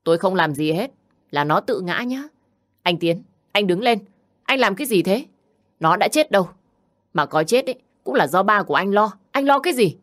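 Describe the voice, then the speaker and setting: A woman's voice: lowish voice, animated, moderate pace, dry recording, clean studio sound, lightly acted. A woman doing a spiteful, taunting young woman. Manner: taunting, insulting, picking a fight.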